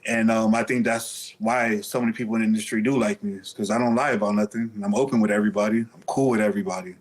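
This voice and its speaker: A man's voice: lowish voice, fairly even intonation, fast. A man speaking candidly as an interview guest, telling stories casually in streetwise slang with some swearing.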